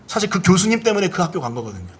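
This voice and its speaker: A man with a high, husky voice preaches a Sunday sermon in a lively way. He acts out people's inner thoughts with big leaps up and down in pitch. He stops often to have the congregation repeat key phrases back to him. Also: racing. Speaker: pastor. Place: church service.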